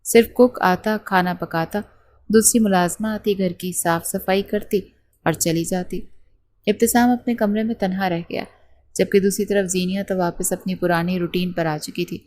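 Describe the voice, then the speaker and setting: Woman narrating a romance novel. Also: on the low side. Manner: steady storytelling read.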